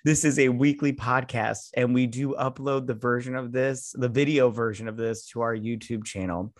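A man's voice: medium pitch, fairly even intonation, normal speed, no echo, clean studio sound. A drunk man co-hosting a podcast in casual boozy banter, giggly and rambling, with a rowdy, exasperated manner and swearing. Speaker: podcast co-host.

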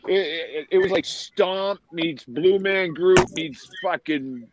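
A man from Massachusetts with a New England accent, telling loud stories as a podcast guest, swearing and laughing often. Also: fairly high pitch, slow pace, dull audio, noisy background. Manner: profane, laughing storyteller. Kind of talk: casual chat.

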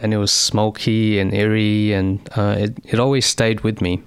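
A man in his thirties or forties who grew up in China, speaking as an interview guest in a measured, reflective way with frequent fillers. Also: fairly low pitch, flat delivery, clear, resonant tone, no room sound. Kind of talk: conversational interview.

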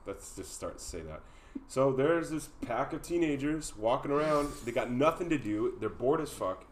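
A man's voice: medium pitch, animated, normal speed, a little hiss or hum. A man hosting a casual chat, telling an anecdote in a laid-back, wry way.

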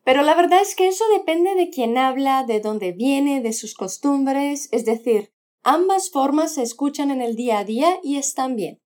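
A woman teaching a podcast language lesson, modelling words slowly and patiently for the listener to repeat. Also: high voice, lively intonation, darkish tone. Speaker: Spanish teacher.

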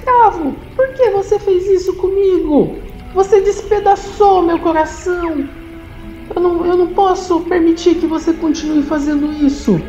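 A woman voicing a dramatic, lovesick female frog who talks in shrill, melodramatic outbursts. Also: mellow. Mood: heartbroken. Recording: roomy, dull lo-fi sound.

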